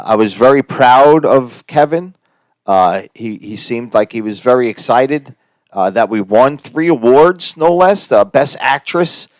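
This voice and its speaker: Brief: man, Jersey Italian accent, chatty live-stream co-host, middle pitch, dry close mic. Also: no room sound. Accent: New Jersey Italian-American. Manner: rambling, many fillers and restarts. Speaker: co-host and actor. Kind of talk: casual live-stream chat.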